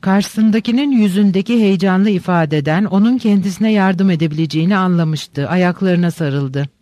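A man reading a literary novel aloud in a measured, descriptive narration. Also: sits high, warm tone, no echo. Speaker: audiobook narrator.

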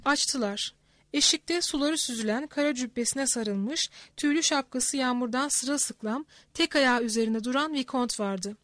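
High-voiced woman narrating a novel. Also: measured pace, fairly bright tone, dry recording. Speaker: audiobook reader. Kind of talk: scripted narration.

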